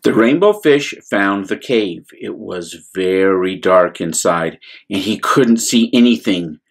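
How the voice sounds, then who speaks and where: A man telling a children's bedtime story in an expressive, deliberate way, with little asides to listeners. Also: low-pitched. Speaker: priest reading a storybook.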